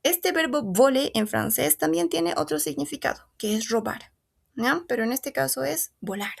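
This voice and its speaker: A woman's voice: sits high, moderate pace, creaky. A woman teaching a French lesson, patiently repeating and modelling each word. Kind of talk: language lesson.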